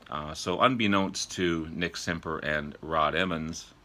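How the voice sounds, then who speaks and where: Very deep-voiced man with a sore throat. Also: fairly even intonation, sharp tone. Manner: halting, frequent throat clearing. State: sore throat from a summer cold. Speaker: music vlog host. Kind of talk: casual chat to viewers about records. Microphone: older phone.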